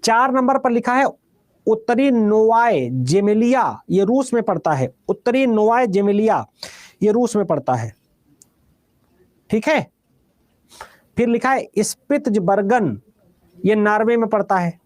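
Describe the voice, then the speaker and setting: Brief: male classroom teacher, Bihari Hindi accent, fairly high voice, dictates and repeats, fatherly "beta" address. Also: sing-song, darkish tone, no room sound, studio quality. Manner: repeats items slowly for dictation, calls students "beta". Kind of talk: classroom geography lecture.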